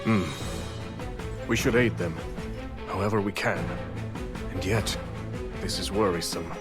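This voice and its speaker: King Rauru, slow solemn low-voiced king. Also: over loud music. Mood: grave, resolute. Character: solemn, regal, remorseful warrior king. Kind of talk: video game cutscene acting.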